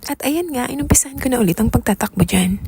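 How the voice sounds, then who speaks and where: A woman's voice: high voice, animated, fast, vocal fry, a little mellow, a little hiss or hum. A woman with a Filipino accent narrating a casual vlog in a chatty, playful, self-teasing way. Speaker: vlogger.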